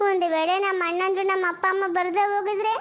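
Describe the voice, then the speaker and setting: A woman's voice: very high-pitched, little pitch movement, fast, fairly bright tone. A woman voicing a naive young wife who rambles and repeats herself. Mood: rambling.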